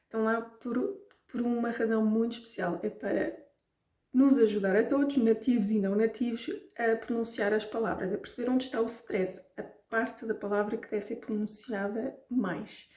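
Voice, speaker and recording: Brief: Portuguese-accented woman, fairly high voice, casual teacher demonstrating words, slightly distant mic in an echoey room. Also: steady tone, moderate pace, darkish tone. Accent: European Portuguese. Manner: chatty, demonstrative, repeats words to show pronunciation. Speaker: language teacher. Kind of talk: casual language lesson to camera.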